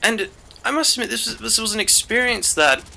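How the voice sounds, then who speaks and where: Young male gaming host, very bright and forceful tone, chatty and meandering delivery. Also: high-pitched, fairly quick, creaky, a little hiss or hum. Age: young adult. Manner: rambling, chatty storytelling with many fillers. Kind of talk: casual commentary over gameplay.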